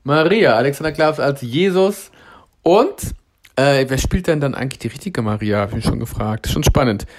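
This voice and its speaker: Ein Mann, der als Moderator locker, begeistert und ironisch über Fernsehsendungen plaudert. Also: male voice, medium pitch, animated, moderate pace, background noise. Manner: chatty, enthusiastic and ironic. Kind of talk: casual chat.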